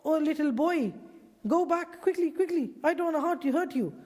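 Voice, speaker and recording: A man's voice: extremely high pitch, moderate pace, darkish tone, voice pushed up. A man voicing a boastful giant warrior who mocks and talks down to a young opponent. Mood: mocking. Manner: mocking, condescending. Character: boastful giant male warrior taunting a youth.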